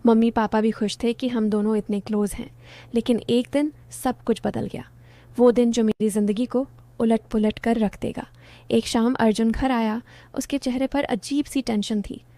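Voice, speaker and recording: A woman's voice: a little high, steady tone, moderate pace, mellow, no room sound. A woman narrating an emotional first-person story in a confiding storytelling manner.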